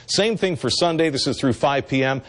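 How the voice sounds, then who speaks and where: A man giving a TV weather forecast in a steady, matter-of-fact way. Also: mid-range voice, normal speed.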